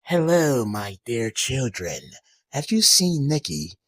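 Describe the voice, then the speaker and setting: A man's voice: medium pitch, sing-song, takes it slowly, slight background noise. A man voicing a creepy, needy male teacher in an overacted anime fan dub. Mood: creepily polite. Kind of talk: abridged fan dub acting.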